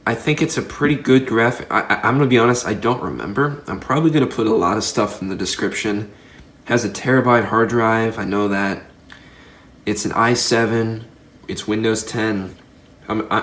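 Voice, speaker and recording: A seventeen-year-old young man talking casually through a gaming setup tour in his bedroom, rambling and chatty, filmed on a handheld phone. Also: on the low side. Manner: rambling, chatty, filler-heavy. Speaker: gaming YouTuber. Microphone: phone camera held in hand. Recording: echoey room on a phone mic.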